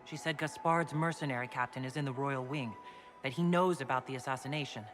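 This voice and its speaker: An actor playing a composed, decisive fantasy leader in a video game, with a cool, direct manner. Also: male voice, mid-range voice, a little fast, a bit bright, faint music behind, lightly acted. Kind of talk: video game cutscene acting.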